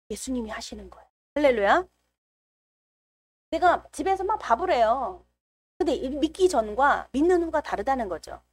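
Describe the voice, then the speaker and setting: Woman, preacher, fervent sermon, frequent hallelujahs, high voice, very animated pitch. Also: no room sound. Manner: fervent, calls out hallelujah often. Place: church service.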